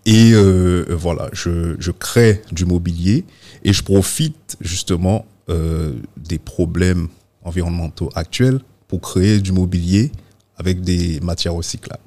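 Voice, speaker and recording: Interview guest: man, deep low voice, halting, full of fillers. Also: dark tone. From Guadeloupe. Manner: hesitant, many fillers and restarts. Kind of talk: casual interview talk.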